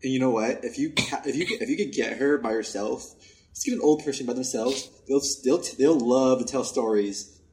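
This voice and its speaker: A young man co-hosting a podcast in casual chat, relaxed, laughing easily and stammering a little. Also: medium pitch, normal speed, a little hiss or hum. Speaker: podcast co-host.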